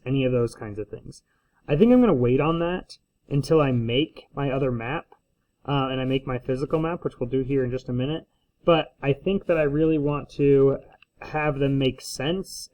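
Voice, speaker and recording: A man's voice: fairly high pitch, darkish tone. A man teaching in a casual instructional screencast, often checking in with a short questioning tag. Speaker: school teacher. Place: indoors at a desk, recording a screencast. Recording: slightly dull lo-fi screencast audio.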